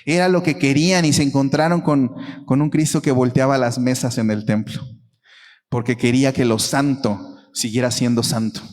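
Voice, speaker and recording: A man with a Mexican accent preaching a sermon as a pastor in a church, emphatic and repeating phrases for stress. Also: a little high. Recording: long reverb of a church hall.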